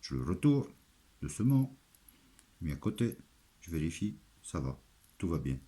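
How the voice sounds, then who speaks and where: A man from Italy with a clear Italian accent in his French, talking in a fairly low voice. He takes his time, explaining each step of a craft in simple, halting phrases and repeating them as he demonstrates. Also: very animated, warm tone. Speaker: armourer giving a craft tutorial.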